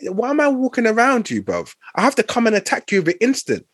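A man's voice: sits high, wildly swooping pitch, fairly quick, slightly rough, no room sound, studio quality. A man with a London accent in a casual debate, insistently repeating himself to hold the floor. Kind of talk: casual debate among friends.

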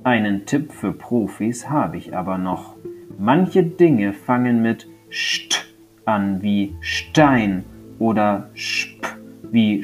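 A man teaching a remote primary school lesson, gently addressing a young child after a read-aloud story. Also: fairly low pitch.

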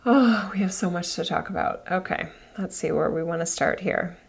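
A woman with a creaky voice hosting informal spiritual talk and guided meditation, gently instructing and soothing, with small asides to her listeners. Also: fairly low pitch, normal speed. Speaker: spiritual guide and podcast host.

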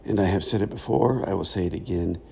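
A middle-aged man with a gravelly voice giving a reflective solo podcast monologue, thoughtful and halting, with frequent pauses. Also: low-pitched, darkish tone, a little hiss or hum. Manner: thoughtful, halting, pausing often. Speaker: podcast host, former pastor.

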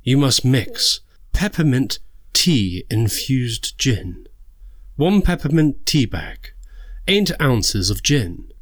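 A man's voice: mid-range voice, sing-song, slow, dry recording, clean studio sound. A man co-hosting a podcast in a casual, conversational way. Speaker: podcast co-host. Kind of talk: casual chat.

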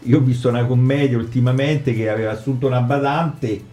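A man's voice: medium pitch, fairly even intonation, fast talker, dark tone. A man chatting casually as a guest in a group interview. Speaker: amateur theatre company member being interviewed. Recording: roomy echo with music behind.

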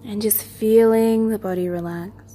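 With an unhurried delivery and fairly even intonation, this woman teaches a guided meditation. Her mid-range voice stays gentle and lulling as she soothingly repeats soft instructions.

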